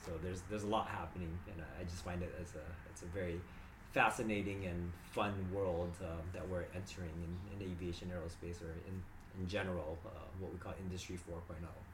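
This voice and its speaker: A man's voice: deep voice, flat delivery, fairly quick. A man as a podcast guest, explaining eagerly with frequent "um" hesitations. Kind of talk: casual interview talk. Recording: roomy echo with background noise.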